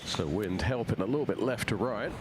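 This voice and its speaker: A man giving measured, conversational golf commentary, unhurried in his observations. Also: on the low side, lively intonation. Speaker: golf commentator reporting from the course. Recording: outdoor background noise.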